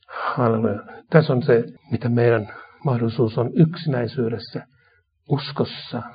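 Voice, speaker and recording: Husky-voiced man preaching slowly. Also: medium pitch. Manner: slow, repetitive prayer phrases. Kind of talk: sermon with led prayer. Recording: dull lo-fi recording.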